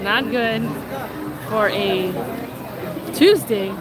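Walking through a packed theme park with a handheld phone, a woman hosts a casual live stream, speaking extremely slowly at a medium pitch. Still recovering from a cold, she sounds slightly nasal and laughs frequently, while loud crowd noise and park music make the recording very noisy.

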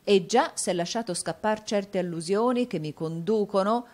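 Storybook: excitable middle-aged male clerk, cryptic and outraged, put on by a woman narrator. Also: medium pitch, normal speed, natural voice. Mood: secretive. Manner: loud and urgent.

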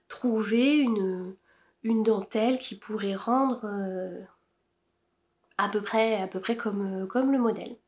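A woman's voice: fairly high pitch, darkish tone. A woman chatting casually about her knitting to camera, hesitant with many fillers. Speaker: knitting podcaster. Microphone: camera-mounted shotgun mic.

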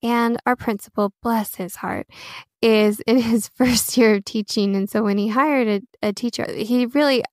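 Speaking as an interview guest, this Chinese teacher has an American accent and a fairly high, steady, slightly mellow voice at a measured pace. She chats casually, telling stories, quoting herself, and leaning on "like" and "you know" a lot. The studio recording is clean with no echo.

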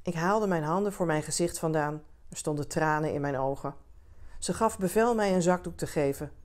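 Een vrouw die een verhaal voor volwassenen rustig en zacht voorleest als bedverhaal. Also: female voice, deep voice. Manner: gentle, unhurried storytelling. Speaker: reader of stories for adults. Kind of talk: calm bedtime reading.

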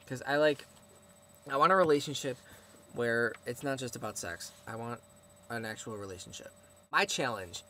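A man's voice: medium pitch, bright, forceful tone. Teenage male vlogger, casual and chatty, mid-range voice, faint background noise. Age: teens. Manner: chatty, rambling, answering viewer questions. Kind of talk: casual chat to camera.

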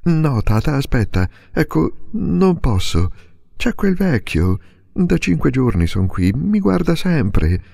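A man's voice: mid-range voice, very animated, slow, gravelly, mellow, pitched above the performer's own voice, full character voice. A man voicing an anxious pleading young boy. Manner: emotional, breaking into eager pleading.

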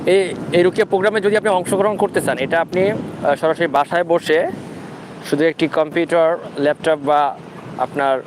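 Casting: Bangladeshi male, high-pitched voice, informal religious adviser speaking live outdoors, halting and instructive, over clear wind and rumble. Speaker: ruqyah practitioner hosting a live Q&A. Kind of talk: informal livestream talk with religious advice. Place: outdoors at a sea beach.

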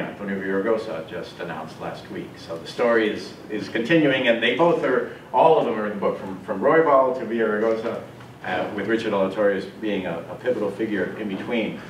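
A man, a course professor giving a measured, explanatory introduction to a class, with some fillers. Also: lowish voice. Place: university classroom with students. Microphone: far camera. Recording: echoey classroom, distant camera mic, faint noise.

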